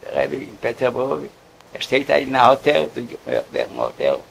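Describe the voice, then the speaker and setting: A man telling a story casually, in a halting way, often repeating words. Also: medium pitch, wildly swooping pitch, vocal fry, a little hiss or hum, rough recording.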